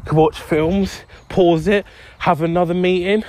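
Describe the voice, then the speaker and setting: A man's voice: high voice, fairly even intonation, a little slow, a little mellow. Young man, casual podcast host recorded outdoors on a walk, meandering and self-mocking. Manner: rambling, self-deprecating, easily distracted. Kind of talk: casual solo podcast monologue while walking. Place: outdoors on a street.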